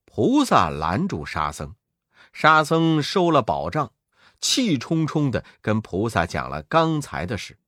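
A man telling a children's story in an expressive, sing-song way. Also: mid-range voice, unhurried, no echo, studio quality.

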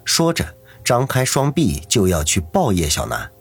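A man narrating an audiobook novel in a steady storytelling manner. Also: fairly low pitch, moderate pace, vocal fry, breathy edge, soft background music. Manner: steady storytelling, doing every character.

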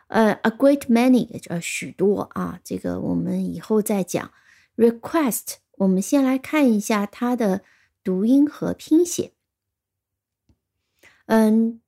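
A woman's voice: mid-range voice, creaky, mellow. A woman teaching vocabulary in a recorded lesson, patiently spelling words out letter by letter. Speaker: English teacher.

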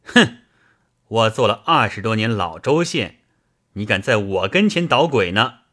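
A man's voice: on the low side, big pitch swings, normal speed, a bit bright. A man voicing a stern, scornful old county magistrate who barks his questions. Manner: barking, scornful.

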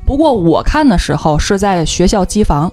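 A woman's voice: mid-range voice, big pitch swings, normal speed, darkish tone. A woman from Tianjin chatting casually as a podcast co-host in a jokey, bantering way. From Tianjin, China. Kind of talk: casual chat.

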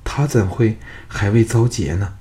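A proud young swordswoman pleads in an earnest, raised tone, as a man puts her on. The voice stays fairly low even when it lifts for her. It sounds like a character from a spoken storybook. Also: measured pace, slightly rough. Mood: pleading. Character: young adult woman, pleading, bold and proud. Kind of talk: audiobook character voice.

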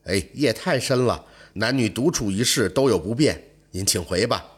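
A man voicing a stiff, upright young male scholar who speaks in a prim, earnest, firm way, with a husky voice. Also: lowish voice, lively intonation, normal speed, pitched below the performer's own voice. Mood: wary. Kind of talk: storytelling role voice.

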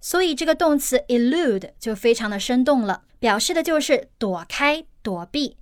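A woman's voice: high-pitched, lively intonation, normal speed, no echo, studio quality. A woman teacher explaining an English news article in steps, with everyday examples.

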